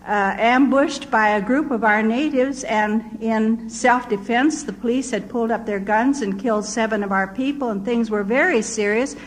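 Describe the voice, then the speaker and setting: An older woman giving a personal testimony, telling stories and voicing the people she met with lively quotes. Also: fairly high pitch, rough recording. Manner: storytelling, quoting villagers in lively voices. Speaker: missionary speaker.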